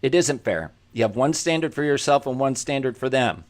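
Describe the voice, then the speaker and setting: A man's voice: medium pitch, expressive, a little fast. A man hosting an opinionated commentary monologue, blunt and self-deprecating, who repeats his points for emphasis. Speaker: commentary show host.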